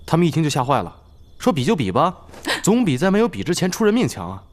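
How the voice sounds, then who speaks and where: A coaxing young husband. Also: male voice, a little high, huge pitch swings, quick pace. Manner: gently coaxing. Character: young husband, soothing and indulgent.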